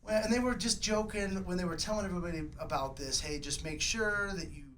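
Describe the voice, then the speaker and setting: A man with a notably high voice tells a story with animated energy, laughing along as he goes. He speaks like a coach chatting casually on a podcast, with a faint hiss of noise in the background. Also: rough recording. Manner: animated, lively storyteller who laughs at his own tale.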